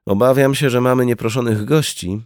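A man reading an audiobook, voicing a calm woman, a mother at the beach, in a raised voice. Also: fairly quick, dry recording, clean studio sound, lightly acted. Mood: warning. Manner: lifts pitch for a woman's lines. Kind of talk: audiobook character voice.

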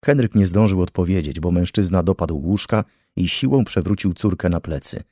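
Deep-voiced male audiobook narrator. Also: moderate pace, mellow, slightly rough, no room sound, studio quality. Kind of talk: scripted narration.

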